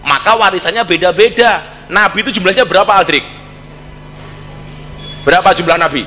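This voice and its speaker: A man's voice: high-pitched, a little fast, a little hiss or hum. A man with a Javanese accent preaching a sermon, telling stories with jokes and slipping into Javanese. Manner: joking, lively storytelling, slips into Javanese. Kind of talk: sermon with humorous storytelling. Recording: hall reverb.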